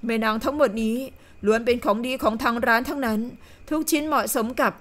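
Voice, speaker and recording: A woman's voice: fairly high pitch, quick pace, fairly bright tone, lightly acted. A courteous male shopkeeper showing off his wares, as a woman puts him on, deferential and eager to please. He is a small audiobook role with a salesman's politeness. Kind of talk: audiobook character voice.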